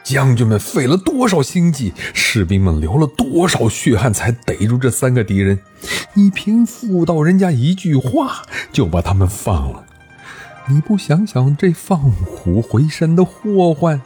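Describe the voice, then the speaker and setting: A man's voice: medium pitch, big pitch swings, measured pace, husky, faint music behind, pitched above the performer's own voice, exaggerated voice. A man voicing a furious veteran general who scolds his young king, speaking in a raised, scornful voice. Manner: shouting, scornful.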